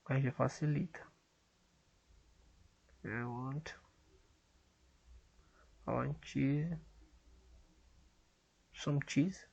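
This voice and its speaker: Gravelly, slow Brazilian man muttering. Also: medium pitch, lo-fi sound. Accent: Brazilian Portuguese. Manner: mutters to himself, repeats drill sentences loudly. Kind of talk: thinking aloud through language-app exercises. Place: at a desktop computer.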